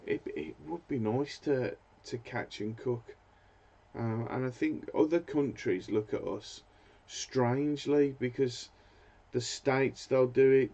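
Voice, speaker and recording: With a medium-pitched, mellow voice, a British fishing-channel host chats casually during a live stream. He tends to ramble and hesitate while searching for words, and the audio sounds dull and lo-fi.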